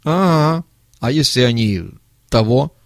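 A man voicing a brisk, insistent male sanitary inspector in a storybook reading. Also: mid-range voice, no echo, studio quality, voice pushed up, lightly acted.

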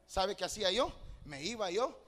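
A middle-aged preacher with a strikingly high voice. He delivers a sermon, dropping to quiet asides and then rising to loud cries as he acts out the voices of people in his stories. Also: very animated, normal speed. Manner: acts out dialogues with God and his grandmother, swings from hushed to shouting.

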